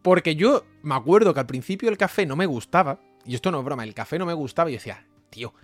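Animated young man from Spain. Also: on the high side, quick pace, no echo, faint music behind. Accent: Spain Spanish. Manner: animated, joking, with frequent laughs and repeated exclamations. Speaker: streamer reading live chat. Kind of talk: casual livestream chat.

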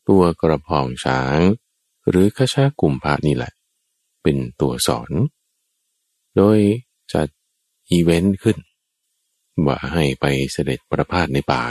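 Male monk, extremely low voice, slow deliberate sermon storytelling, speaks directly to listeners, dry close sound. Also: darkish tone, dry recording. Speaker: Buddhist monk. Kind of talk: sermon telling Jataka tales.

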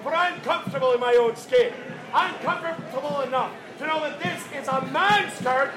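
A blustering Scottish Highlander declaims in olde renaissance fair speech, pitched very high and theatrical. He pauses for effect, and the sound is distant and echoey amid a loud crowd. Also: music in the background. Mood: proud, comic. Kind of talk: mock-archaic renaissance fair speech, shouted stage show.

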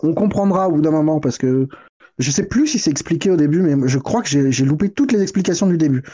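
A man co-hosts a casual chat about video games. His voice is mellow and warm yet sits slightly high. He explains things thoughtfully, hedging as he goes. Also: expressive, fast talker, slightly rough. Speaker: podcast co-host.

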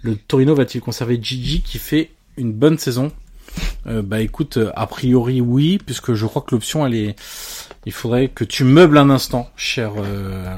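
A man's voice: mid-range voice, moderate pace, darkish tone. A man co-hosting a casual football podcast, hesitant with many fillers and teasing his partner. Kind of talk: casual chat about Italian football.

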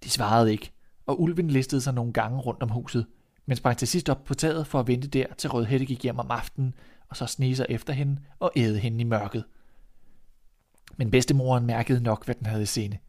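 A man narrating a classic fairy tale in a calm, even manner, his voice sitting at an ordinary middle pitch. He hosts this storytelling podcast.

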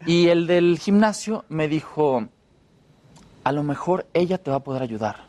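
A man with a Mexican accent, an actor chatting as a guest and telling stories in a loose, relaxed way with restarts. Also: on the high side, measured pace. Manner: relaxed storytelling, fillers and restarts. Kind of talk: casual interview chat.

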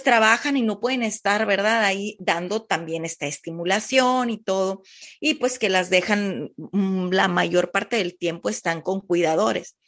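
A woman's voice: mid-range voice, fairly bright tone. A woman hosting a podcast, chatting casually and sharing a story from a friend. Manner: chatty, loose, with restarts and fillers. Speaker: podcast host.

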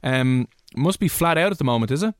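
Irish male radio host, casual and bantering, mid-pitched, close dry studio voice. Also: expressive, fairly quick, dry recording. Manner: inquisitive, bantering.

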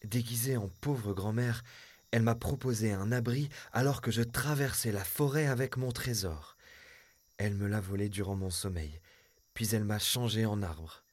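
A man's voice: fairly low pitch, normal speed, no room sound, natural voice. A man playing a grateful storybook prince. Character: young prince freed from a spell, grateful.

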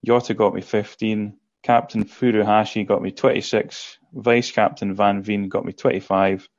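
A man's voice: lowish voice, steady tone, moderate pace, darkish tone. A man with a Scottish accent chatting casually as a podcast panelist over a lo-fi internet call. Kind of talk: casual fantasy football podcast chat.

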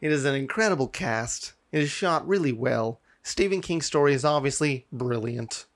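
A man co-hosting a podcast, chatting casually, who laughs often and gets excitable, even breaking into yelling. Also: medium pitch, normal speed. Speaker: podcast co-host. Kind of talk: casual chat.

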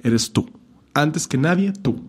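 A man's voice: on the high side, expressive, takes it slowly, slightly rough. A man with a Mexican accent talking casually and earnestly, giving blunt advice with campy, profane asides. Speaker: podcast guest telling his coming-out story. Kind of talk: casual chat.

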